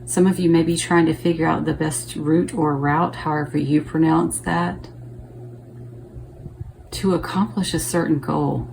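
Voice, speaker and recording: A woman with a low, gravelly voice gives a relaxed tarot reading, chatting as she turns each card. She thinks out loud and keeps checking in with her viewers. There is faint noise behind her. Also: measured pace, low-quality recording. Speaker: tarot reader.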